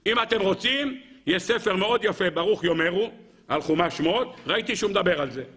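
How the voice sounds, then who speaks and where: A man, a rabbi, giving a weekly Torah lesson, asking rhetorical questions over and over and answering them himself, and addressing his listeners as gentlemen. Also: slightly rough. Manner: animated, swings between high and low.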